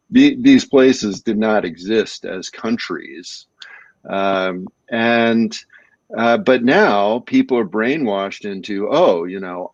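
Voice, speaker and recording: A man's voice: on the low side, dry recording, lo-fi sound. A man co-hosting a podcast in casual discussion, talking things through and often checking in with "right?". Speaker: podcast co-host.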